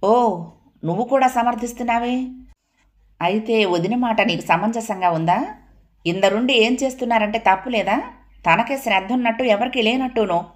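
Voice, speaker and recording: A woman reads a defiant younger son in an audio novel, heated and argumentative. The pitch rises well above her narrating voice. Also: normal speed, pauses often, natural voice. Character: defiant younger son defending his wife.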